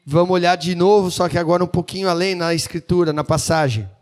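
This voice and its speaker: A man interprets a sermon live, following the preacher one phrase at a time. His voice sits slightly high, and he fills gaps with small hesitations and corrects himself mid-phrase as he translates. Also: fast.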